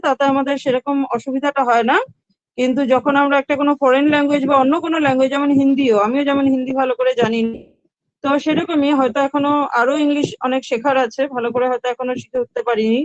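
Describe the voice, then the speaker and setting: A high-pitched woman teaches English pronunciation in an online class. She speaks patiently, repeats each word and spells it out letter by letter, recorded dry and close. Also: no echo, lo-fi sound.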